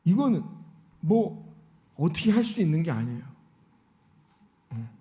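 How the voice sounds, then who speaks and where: A man's voice: fairly high pitch, sing-song, unhurried, warm tone. A male pastor preaching a Sunday sermon in a church, often putting rhetorical questions to the congregation. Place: church sanctuary. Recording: dull lo-fi sound.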